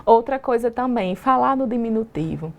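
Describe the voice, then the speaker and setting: A Brazilian woman speech therapist talks in a television studio, patient and teacherly, often pausing on rhetorical questions. Her voice sits fairly high. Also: lively intonation, vocal fry, a little mellow. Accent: Brazilian Portuguese. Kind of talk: explanatory interview talk.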